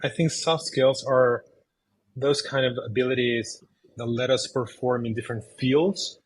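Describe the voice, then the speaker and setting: A man from Chile in his thirties, a video game designer answering interview questions in English, pausing often with fillers and restarts. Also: mid-range voice, steady tone, slight background noise, poor audio. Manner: hesitant, many fillers and restarts.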